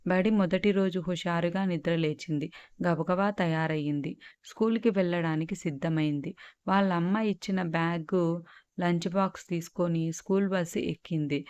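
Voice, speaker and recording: A woman's voice: fairly low pitch, a little mellow, clear, resonant tone, no echo, lo-fi sound. A woman storyteller reading a moral story aloud and addressing her listeners politely and respectfully.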